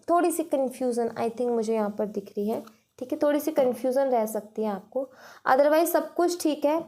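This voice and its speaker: Lady doing a tarot reading, highish voice, slips english bits in, gives lots of advice. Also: darkish tone. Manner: mixes English phrases into Hindi, says "you know" and "thik hai" often; reassuring, advising. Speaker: tarot reader.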